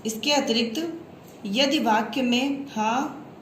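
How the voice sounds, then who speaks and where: A woman teacher talks a class of children through a grammar lesson at a very slow, patient pace. Her voice sits a little high. The recording carries a roomy echo with a faint hiss behind it.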